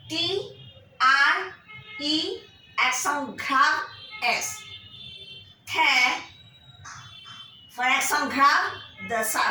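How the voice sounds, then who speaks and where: A woman teaching a French lesson in English, spelling words letter by letter and repeating them slowly. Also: sits high, bright, forceful tone, slight background noise. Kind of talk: slow spelled-out language lesson. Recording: echoey room, heard from a distance.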